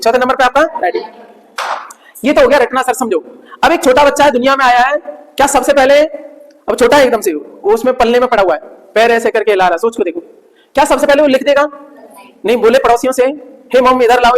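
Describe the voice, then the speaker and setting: Echoey male teacher quizzing his class. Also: extremely high pitch. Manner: asks rhetorical questions and answers them himself. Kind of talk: classroom lecture.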